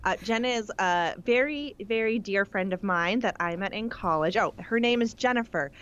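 A woman's voice: mid-range voice, moderate pace, fairly bright tone, muffled recording, a little hiss or hum. A woman in her thirties co-hosting a casual podcast, gushing and teasing as she chats. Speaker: podcast co-host. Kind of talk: casual chat.

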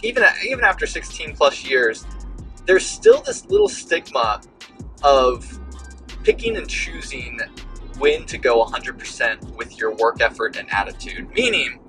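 Forceful middle-aged man podcasting on cheap mic. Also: mid-range voice. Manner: halting, rambling, emphatic repetition. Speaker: podcast host, real estate broker. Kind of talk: casual podcast monologue with coaching advice. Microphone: low-quality portable mic. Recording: poor cheap mic sound, faint music.

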